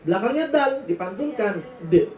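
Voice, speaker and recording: A man's voice: very high voice, lively intonation, normal speed, a little mellow, echoey room, low-quality recording. A man teaching Quran recitation. He explains patiently, draws out his words and sings the letter names.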